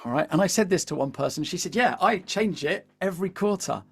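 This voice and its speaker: Man, British accent, high-pitched, animated webinar coach, video call. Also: brisk, gravelly, husky. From Britain. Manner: chatty, animated, keeps asking the audience to reply in the chat; peppers speech with "all right?" and "here's the thing". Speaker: LinkedIn coach. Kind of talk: live webinar teaching.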